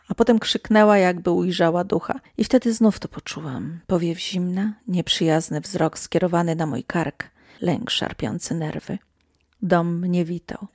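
A woman telling a first-person horror story in scripted narration, hushed and sometimes sinking to a whisper. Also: lowish voice, breathy edge, dry recording, clean studio sound.

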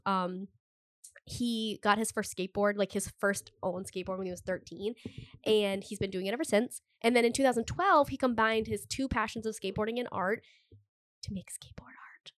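A woman's voice: a little high, moderate pace, no echo, studio quality. Stuffy-voiced woman podcast co-host, gushing. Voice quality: stuffy, slightly congested voice. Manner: gushing, enthusiastic, heavy use of "like". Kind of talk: casual chat.

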